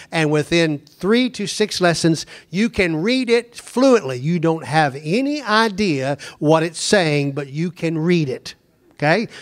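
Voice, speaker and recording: Pastor guy preaching, high voice, chatty, slows way down to hit words. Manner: conversational preaching, speeds up and slows down for emphasis. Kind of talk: sermon.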